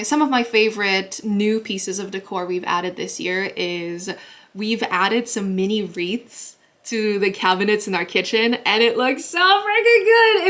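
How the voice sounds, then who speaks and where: Young woman vlogging, bubbly and chatty, laughs a lot, from guatemala, mid-pitched voice. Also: fairly bright tone. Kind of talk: casual chat to camera.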